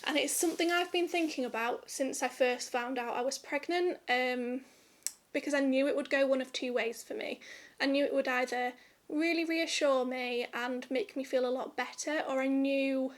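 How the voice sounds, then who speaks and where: A woman's voice: high-pitched, steady tone, moderate pace. A young woman vlogging to camera in a candid, rambling, chatty way. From United Kingdom. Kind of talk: casual chat to camera.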